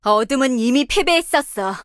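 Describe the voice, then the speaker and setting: A voice actress with a high, expressive voice plays a confident young star guardian warrior who leads her team, firing off bold, commanding quips as video game voice lines. She sounds determined and speaks at a normal speed, recorded in a clean studio with no echo.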